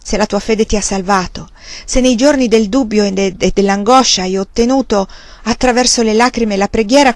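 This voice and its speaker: A woman's voice: medium pitch, no echo, lightly acted. A woman reading the lines of a cynical, tormented young man who presses with bitter irony, in a dry close recording. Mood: urgent.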